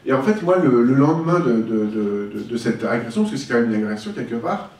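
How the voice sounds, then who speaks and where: A man's voice: mid-range voice, animated, fairly quick, a little mellow, far from the mic. Man telling his story in an echoey room. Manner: candid, reflective storytelling. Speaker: speaker giving a talk. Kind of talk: personal testimony talk.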